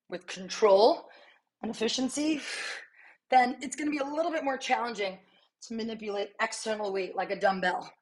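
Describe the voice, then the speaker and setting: A woman in her thirties leads a strength workout as she does it herself. She talks in quick, chatty cues, sighs and breathes hard between reps, and her voice sits at a middling pitch. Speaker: fitness coach. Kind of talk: workout coaching while exercising.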